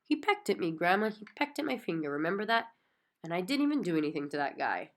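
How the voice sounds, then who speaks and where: Bossy little girl, eager and pushy, pitched up high; a woman puts on the voice. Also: very animated, fast talker. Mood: pleading. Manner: eager, insistent, repeats herself.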